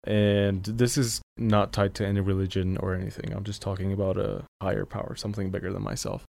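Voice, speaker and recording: Gravelly and a little mellow, his lowish voice holds a level tone and moves a little fast. The podcast guest, a young Syrian with Armenian as his first language and an American accent, is thoughtful in casual studio talk, often hunting for words.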